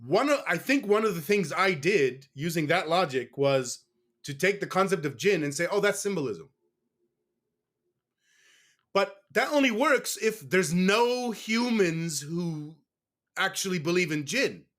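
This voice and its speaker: A man's voice: high voice, expressive, unhurried, fairly bright tone. A man from the United States speaking in a casual interview as a guest, candid and rambling, often stopping to correct himself.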